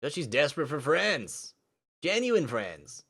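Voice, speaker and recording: A man's voice: fairly high pitch, very animated, unhurried, a bit bright, voice pushed up, heavily acted. A man doing a laid-back bro student. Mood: coaxing. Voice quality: casual, says dude and man a lot. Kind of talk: voice acting a visual novel.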